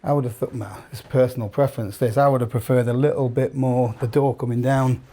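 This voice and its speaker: A man in his own relaxed video, chatting about camping kit with a friend. He talks in a loose, jokey way and often breaks off and restarts his sentences. His pitch sits right in the middle for a man. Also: fairly quick. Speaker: host. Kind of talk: casual gear chat.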